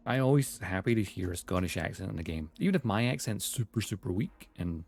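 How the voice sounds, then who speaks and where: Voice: low voice, animated, fairly quick, darkish tone. A game streamer giving playful, joking commentary and reading dialogue choices aloud. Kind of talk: casual live-stream commentary.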